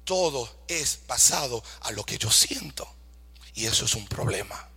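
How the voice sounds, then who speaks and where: A man's voice: mid-range voice, lively intonation, measured pace, pushed and bright, slightly rough, in a large hall. A man preaching a fervent sermon, asking rhetorical questions, calling for amens and mixing English phrases into his Spanish.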